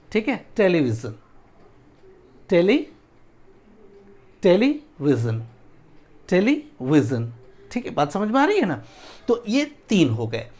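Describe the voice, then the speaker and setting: A man teaching a spoken English lesson, drilling words syllable by syllable and often checking that his students follow. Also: sits high.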